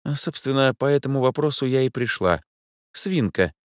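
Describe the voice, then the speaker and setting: A fussy, haughty rich woman, voiced by a male narrator, snaps orders in a raised, swooping pitch. Her tone is imperious and she spooks easily. The recording is dry and close. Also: lively intonation, no echo, lightly acted. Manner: shrill, imperious, quick to panic.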